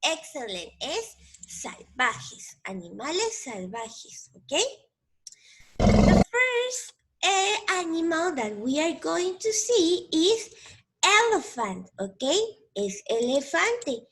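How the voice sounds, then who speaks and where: A woman's voice: very high voice, very animated, very slow, fairly bright tone. A woman teacher with a Mexican Spanish accent, giving a patient bilingual English lesson to young children and repeating each word in both languages.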